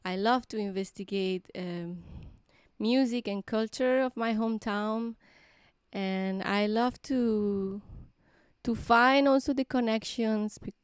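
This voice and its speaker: Spanish-accented woman, smooth dry voice. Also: fairly high pitch, dry recording. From Granada, southern Spain. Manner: halting, restarts often, filler-heavy. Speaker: singer-songwriter hosting a live stream. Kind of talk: casual live-stream chat.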